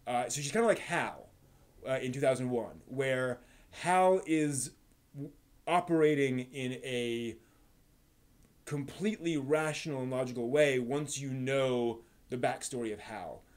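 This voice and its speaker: This male host of a casual live stream has a mid-range voice and an analytical, explanatory way of rambling. Thinking aloud, he keeps halting and repeating words.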